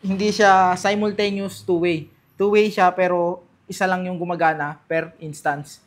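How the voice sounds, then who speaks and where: A Filipino man vlogs a casual unboxing and product test, speaking informally and directly to his viewers. He mixes Tagalog with English. His voice is high, with a flat delivery and a moderate pace.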